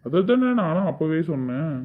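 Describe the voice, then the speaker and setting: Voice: mid-range voice, big pitch swings, moderate pace, natural voice. A performer playing a dismissive father who grumbles at his wife in an amateur audio drama. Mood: grumbling. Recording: thin, phone-like sound.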